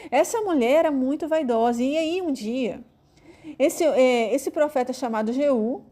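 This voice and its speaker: A Brazilian woman teaching from the Bible in a conversational, informal sermon, pausing with fillers and sometimes acting out voices. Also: sits high, dark tone. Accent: Brazilian Portuguese. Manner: conversational, hesitant with fillers, acts out quoted voices.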